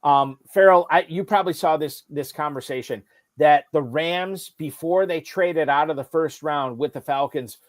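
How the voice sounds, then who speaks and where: A man's voice: on the high side, no room sound. A man hosting a fantasy football podcast, steering the conversation with questions. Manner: brisk, steers the discussion with questions. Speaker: podcast host.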